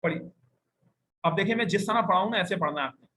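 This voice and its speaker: A man with a Pakistani Urdu accent teaching an Arabic class, slowly drawing out each word for his students to repeat. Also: sits high, pushed and bright, slight background noise. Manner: slow, drawn-out modeling of words for students to repeat. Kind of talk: classroom language lesson.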